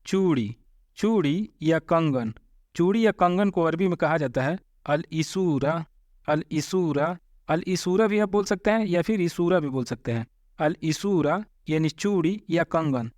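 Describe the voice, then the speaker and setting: A man teaching vocabulary, repeating each word slowly and addressing viewers as friends. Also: a little high, animated, darkish tone, no room sound, clean studio sound. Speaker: Arabic language teacher. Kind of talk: vocabulary lesson.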